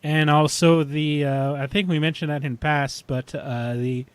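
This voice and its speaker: Halting, filler-heavy male podcast co-host. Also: a little high, fairly even intonation, clean tone. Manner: halting, many fillers and restarts. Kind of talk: casual chat.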